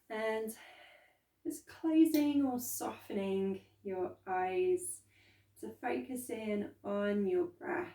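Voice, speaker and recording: A woman instructor leading a calm grounding meditation, speaking gently and unhurriedly with soft pauses. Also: medium pitch. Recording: roomy echo, distant from microphone.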